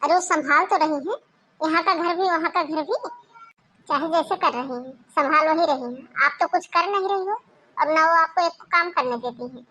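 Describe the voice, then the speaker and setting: A woman's voice: extremely high pitch, moderate pace, bright, forceful tone, dull audio, slight background noise. Woman voicing a young cartoon daughter, earnest. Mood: protesting. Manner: earnest, protesting, persuasive. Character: young caring daughter who defends her sister-in-law. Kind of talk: Hindi cartoon voice acting.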